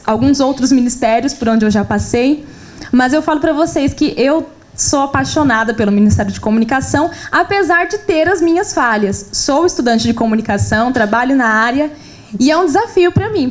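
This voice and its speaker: A young Brazilian woman in her twenties gives a lively personal testimony at a church workshop, acting out her own prayers and conversations. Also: high-pitched. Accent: Brazilian Portuguese. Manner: animated, acts out her own prayers and dialogue. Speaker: workshop speaker. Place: event hall with an audience.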